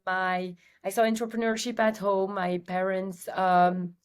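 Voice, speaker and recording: A woman from Belgium with a Belgian accent, a company's CEO and guest on an interview podcast, telling her story in a lively way with many filler ums. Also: medium pitch, a little slow, clean tone. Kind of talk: casual interview chat.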